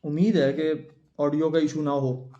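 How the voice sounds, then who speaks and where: Recorded on a phone with a plug-in USB-C mic, a perfume reviewer sounds a little high, steady, and warm as he casually unboxes and sniffs bottles at home indoors, thinking aloud about each. The sound is reverberant and muffled.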